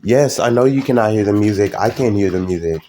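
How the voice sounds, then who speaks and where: A man's voice: fairly low pitch, brisk, dark tone, slight background noise. A young man live streaming, talking casually to his viewers in a rambling, hesitant way with many fillers and restarts.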